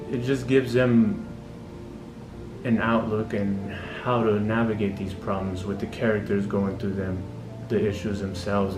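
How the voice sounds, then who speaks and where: Young man, college student, low and flat, hesitant ums; roomy off-mic recording with music underneath. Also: distant mic. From Central Valley, California. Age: young adult. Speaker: community college student giving a testimonial. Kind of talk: unscripted testimonial.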